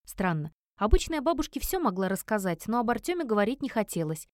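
Woman, audiobook narrator, first-person novel, expressive, emotive, mid pitch, dry close recording. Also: fast, no echo.

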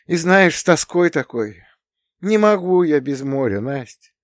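A man voicing a chatty, emotional young woman, the sister, who talks in a gushing, excitable way. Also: on the high side, unhurried, no echo, clean studio sound, pitched above the performer's own voice. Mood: confiding.

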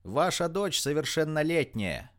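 A man voicing a daring young woman biker who shouts brisk, commanding orders. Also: low-pitched, very animated, voice pushed up. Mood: shouting.

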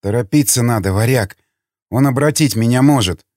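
A man's voice: mid-range voice, moderate pace, a little mellow, dry recording, clean studio sound, natural voice. A man voicing a frantic post-apocalyptic survivor. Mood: tense. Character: Vasnetsov, a desperate man, male stalker losing his mind.

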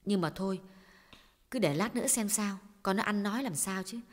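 A man voicing an anxious young wife who speaks in a hushed, breathy tone. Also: high voice, normal speed, big-room sound, pitched above the performer's own voice, lightly acted. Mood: worried. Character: worried young wife, quietly firm.

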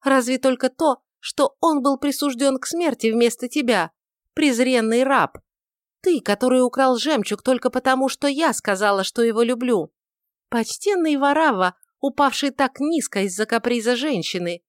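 A woman voicing a proud, quick-tempered young beauty who talks in a mocking, defiant way, on a dry recording. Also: sits high, no room sound, pitched above the performer's own voice, lightly acted. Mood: scornful.

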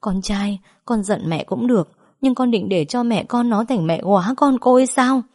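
A woman acts out an older mother breaking down in sobs at a hospital bed, her voice pitched high above her usual tone and strained with pleading. The tone is low in brightness, soft and mellow even through the crying. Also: normal speed, close to an everyday voice. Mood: sobbing plea. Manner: sobbing, pleading. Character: grieving older woman begging her unconscious son.

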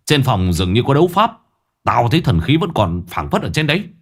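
Brief: storyteller as a jittery old sorcerer, alarmed, ghost-story audiobook. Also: male voice, medium pitch, big pitch swings, a little fast, husky. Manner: agitated, alarmed. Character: crazed old male sorcerer, shouting.

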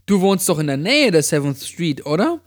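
A man's voice: fairly high pitch, big pitch swings, moderate pace, no echo, clean studio sound, voice pushed up. Man putting on a bubbly young woman. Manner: bubbly, a little tipsy. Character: cheerful young woman friend on the phone.

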